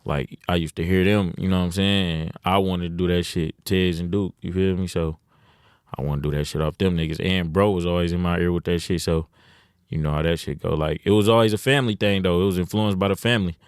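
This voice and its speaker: Deep-voiced laid-back man from Detroit. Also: fairly even intonation, fast talker, smooth, dry recording, studio quality. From Detroit, USA. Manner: laid-back, heavy slang, many "you know what I'm saying". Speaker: rapper, podcast guest. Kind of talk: casual interview.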